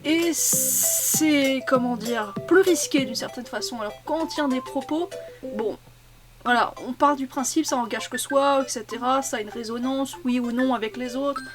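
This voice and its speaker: A woman's voice: sits high, normal speed, over music. A tired woman voice actor chatting casually over her gameplay, rambling and self-mocking, with stammered restarts. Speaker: voice actor and content creator.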